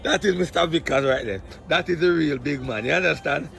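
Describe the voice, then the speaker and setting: A man from Jamaica with a Jamaican accent, giving an excited walking-tour vlog outdoors among fruit trees. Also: a little high, a little fast, creaky, a little hiss or hum. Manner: exclamatory, excited, keeps repeating "look at this". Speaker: vlogger.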